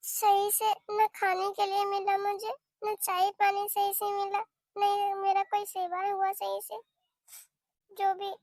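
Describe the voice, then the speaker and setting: A woman's voice: sits high, dry recording, studio quality, natural voice. A woman voicing a young new mother in a cartoon who is recovering at home and pleads for help in a plaintive way. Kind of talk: cartoon voice acting.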